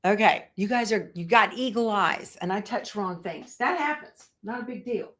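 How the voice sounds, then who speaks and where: A woman's voice: mid-range voice, moderate pace, fairly bright tone. A woman teaching machine embroidery on a live stream, thinking aloud as she sets up her machine and chatting with viewers. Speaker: embroidery instructor. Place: sewing room.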